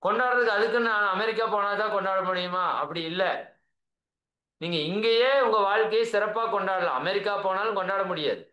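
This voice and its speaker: A man's voice: high voice, fast, reverberant, lo-fi sound. A man with a Tamil accent giving a spiritual talk over a video call, earnest and coaxing, often asking his listeners whether they agree. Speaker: spiritual teacher.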